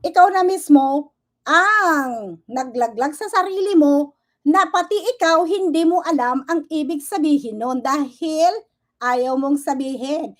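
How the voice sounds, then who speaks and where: Woman vlogger, high voice, confrontational rant, mixes Tagalog and English, keeps demanding "okay?". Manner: switches between Tagalog and English. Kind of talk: angry reaction rant.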